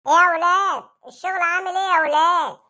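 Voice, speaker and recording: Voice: extremely high pitch, steady tone, fast talker, pushed and bright, exaggerated voice. A performer voicing a bossy, boastful male gang boss from a comedy cartoon, speaking with an Egyptian accent. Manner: swaggering, ordering others around. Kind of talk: comic cartoon acting.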